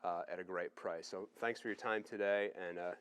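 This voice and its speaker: Clear-voiced man presenting a product review. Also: low voice, steady tone, fairly quick, a bit bright. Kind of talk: casual product review to camera.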